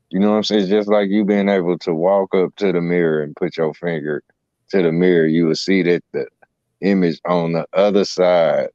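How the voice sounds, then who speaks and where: A man's voice: low-pitched, darkish tone, no room sound, highs cut off. A man, rambling and using lots of filler phrases in a casual spiritual talk. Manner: rambling, with many fillers and "you know what I'm saying". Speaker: co-host.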